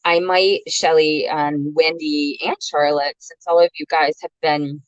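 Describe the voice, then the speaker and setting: A woman with a low voice hosts a live beauty webinar from home, chatting nervously and gushing, her words full of fillers and restarts. The webcam audio sounds dry and a little dull. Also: steady tone, unhurried, no room sound. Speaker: brow artist hosting a live webinar. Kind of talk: casual live-stream chat. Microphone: webcam or laptop mic on a video call.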